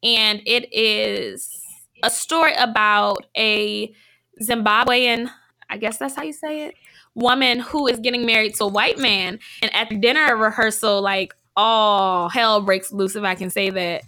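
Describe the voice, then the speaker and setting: A young woman co-hosting a podcast in casual chat, animated and slangy, laughing often. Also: fairly high pitch, unhurried. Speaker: podcast co-host. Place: home, Minneapolis.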